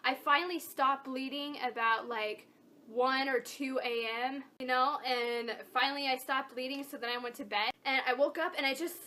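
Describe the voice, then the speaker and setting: Young female vlogger, high-pitched and bright; informal, chatty, emphatic personal storytelling. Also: fairly even intonation, moderate pace. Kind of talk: casual personal storytelling to camera.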